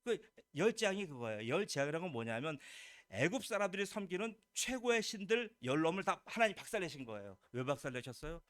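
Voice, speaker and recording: A man's voice: fairly high pitch, big pitch swings, quick pace, hardly any pauses, a bit bright, no room sound, studio quality. A man, a pastor, preaching a Sunday sermon with emphatic questions to the congregation and lines acted out as God's words. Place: church sanctuary.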